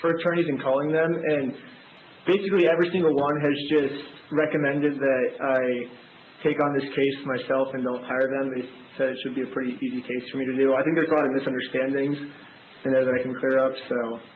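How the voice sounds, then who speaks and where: A man answering a judge as defendant at a court hearing, hesitant and filling pauses, heard through compressed, distorted low sample rate audio. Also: level tone. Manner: hesitant, with fillers. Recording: tinny low-bandwidth call recording, roomy, faint hiss.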